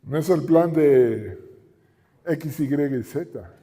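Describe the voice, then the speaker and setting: A middle-aged pastor with a Mexican Spanish accent preaches a sermon full of emphatic repetition and rhetorical questions. His mellow voice is a little high, and he draws out his words. The hall is reverberant.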